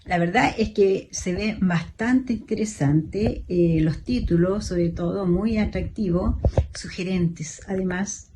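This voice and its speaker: A woman moderating an online writers' panel in a measured way, with frequent fillers, over a video call. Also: medium pitch, dark tone, slight background noise.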